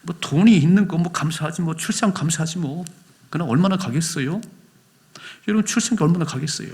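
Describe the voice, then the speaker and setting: A man preaching a sermon in a church, talking to the congregation in a conversational way, asking them questions and sometimes dropping to a hushed whisper for emphasis. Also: on the high side, fairly quick. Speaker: pastor.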